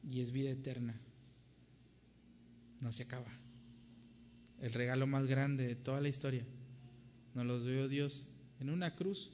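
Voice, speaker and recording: A man's voice: medium pitch, steady tone, unhurried, pauses often, a little mellow, a little hiss or hum. A man preaching a sermon and telling an illustration earnestly, in a recording with a dull sound and a long reverb. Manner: earnest, storytelling.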